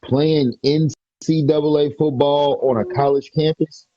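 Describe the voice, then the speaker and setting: A man's voice: a little high, fairly even intonation, a little slow, dry recording. A man in casual podcast chat, telling laid-back, rambling stories. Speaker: podcast speaker. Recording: dry, dull lo-fi sound.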